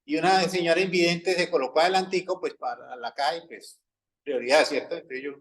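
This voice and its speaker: A male pastor with a Colombian accent delivers a sermon in a conversational, storytelling manner, often pausing to check that his listeners follow. His voice sits somewhat high for a man. He acts out the voices of people in his everyday anecdotes. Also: fairly even intonation, fairly bright tone, poor audio. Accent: Colombian Spanish. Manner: conversational preaching with frequent "¿sí?" checks; acts out quoted dialogue in everyday stories.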